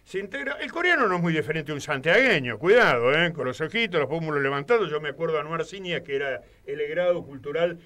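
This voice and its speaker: A man with an Argentine Spanish accent, a guest on a radio talk show, rambling through animated anecdotes. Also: on the high side, fast talker, hardly any pauses. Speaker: guest commentator. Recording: studio radio microphone.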